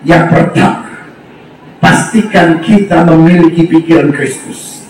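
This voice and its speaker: A male pastor preaching a revival sermon to a crowd on an open-air stage, leading call-and-response and often shouting. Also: fairly high pitch, a little slow, far from the mic, a little hiss or hum. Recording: very echoey open-air PA, from afar.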